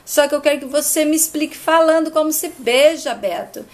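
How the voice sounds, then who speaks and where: A woman voicing a loud, bossy salon owner who scolds her clients. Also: high voice, brisk, voice pushed up, natural voice. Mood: brassy. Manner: loud, scolding, calling everyone "bem".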